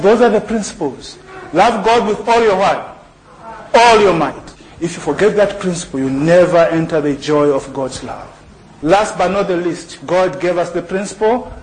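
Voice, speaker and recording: A man's voice: sits high, low-quality recording. A middle-aged man from Zambia preaching a sermon in a church, often asking the congregation to finish his sentences. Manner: call-and-response questions to the congregation. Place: church hall. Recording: archived church recording with faint noise.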